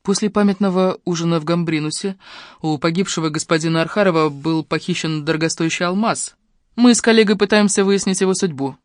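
A man voicing a calm, methodical detective in an audiobook, laying out evidence in a measured way. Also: fairly high pitch, dry recording, clean studio sound, close to an everyday voice. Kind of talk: audiobook character reading.

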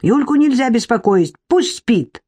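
A woman's voice: fairly high pitch, lively intonation, a little slow, dark tone, husky, voice pushed up. A woman reader voicing a small, skinny woman who screams and shrieks in rage, in an audiobook. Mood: angry scolding.

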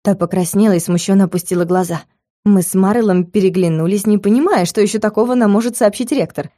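A woman reading a first-person audiobook with even, expressive storytelling. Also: medium pitch, fast, no room sound, studio quality. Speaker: audiobook narrator.

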